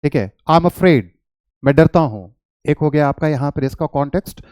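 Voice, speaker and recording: A man teaching an English lesson who explains patiently, spells words out letter by letter and reads example sentences slowly. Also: fairly high pitch, darkish tone, no room sound.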